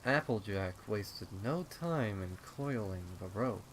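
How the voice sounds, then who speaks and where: A fan fiction narrator with a lowish voice reads a scripted horror story dramatically, slow and animated. Rain and storm sound effects run behind him, along with slight background noise.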